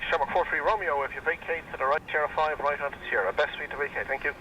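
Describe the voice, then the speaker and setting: A man on a radio transmission fires off clipped control instructions at a brisk clip, his voice sitting a little high for a man. He is heard from a distance over a feed that carries loud airfield noise behind him. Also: steady tone, dull audio. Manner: clipped, rapid radio phraseology. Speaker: air traffic controller. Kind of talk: air traffic control radio calls.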